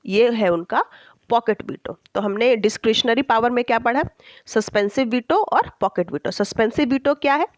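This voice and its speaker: A woman teacher explaining a textbook chapter, reading English lines slowly and checking in often with her students. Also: a little high, dry recording, poor audio. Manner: slow, deliberate reading of English lines, with frequent check-ins.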